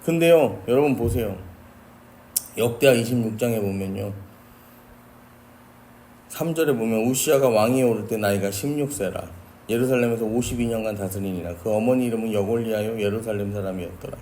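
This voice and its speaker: 진지하게 설교하는 남성 목사. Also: male voice, on the low side, a little fast, warm tone, a little hiss or hum. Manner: earnest, addresses the congregation often. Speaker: pastor. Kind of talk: sermon. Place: church sanctuary.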